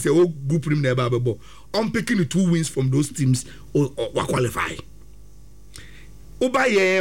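A man with a Ghanaian accent giving animated football analysis, mixing languages and breaking into quick excited bursts. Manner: excitable, rapid, rising to high-pitched bursts. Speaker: football pundit. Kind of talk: animated sports talk mixing Twi and English.

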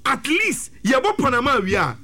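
An excitable man with a Ghanaian accent breaks down a football team's chances, talking fast and climbing into bursts. His voice sits high and swings widely up and down as he works himself up. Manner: excitable, rapid, rising to high-pitched bursts. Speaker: football pundit. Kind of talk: animated sports talk mixing Twi and English.

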